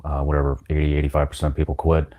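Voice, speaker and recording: A man's voice: very deep voice, monotone, quick pace, dark tone. A man hosting a podcast interview, asking blunt, terse questions and swearing casually.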